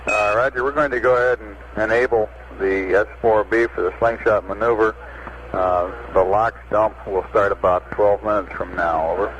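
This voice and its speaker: A man's voice: fairly low pitch, fairly even intonation, normal speed, a bit bright. A man working as mission control's capsule communicator over a crackly, breaking-up space radio link, with clipped radio procedure, reading numbers digit by digit. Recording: dull, lo-fi radio transmission with faint static.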